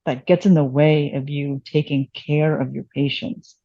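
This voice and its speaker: A woman's voice: low-pitched, level tone, measured pace, no echo, muffled recording. A woman in her late thirties from Vietnam, an emergency physician being interviewed, talking reflectively with many fillers. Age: late 30s. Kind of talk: conversational interview.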